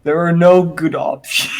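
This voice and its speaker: Unhurried, giggly man playing a game. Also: fairly high pitch, creaky. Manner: hesitant, giggly musing. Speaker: let's-play player. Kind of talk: casual gameplay commentary.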